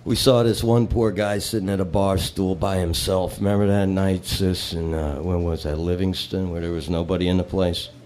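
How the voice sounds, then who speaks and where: A man's voice: sits low, steady tone, moderate pace, few pauses, darkish tone, a little hiss or hum. A man performing a live comedy set, telling bar jokes with rambling, wisecracking patter between them.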